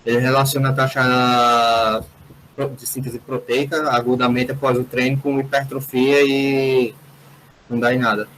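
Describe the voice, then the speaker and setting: A man with a Brazilian Portuguese accent makes a short, matter-of-fact point in an academic discussion. He speaks in a flat, even tone, with faint noise underneath. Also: medium pitch, unhurried, rough recording. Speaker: meeting participant.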